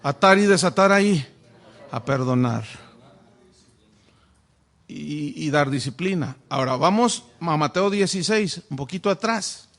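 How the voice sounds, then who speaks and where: Pastor guy, higher voice, teaching bible class w a whiteboard, keeps quizzing the room. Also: lively intonation, a little slow, pauses often, fairly bright tone. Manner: asks the audience frequent rhetorical questions. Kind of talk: sermon-style Bible teaching.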